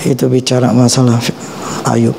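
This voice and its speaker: A man's voice: medium pitch, moderate pace, creaky, noisy background. A man in his forties, a pastor from Indonesia, preaching a sermon in casual slang. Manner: animated, preaching in casual slang with acted quotes.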